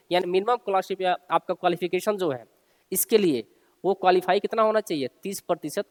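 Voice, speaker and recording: Alternating between formal read-aloud passages and casual explanation, a male coaching teacher instructs listeners, often repeating and rephrasing key points. His voice is notably high and carries a long, hall-like reverb.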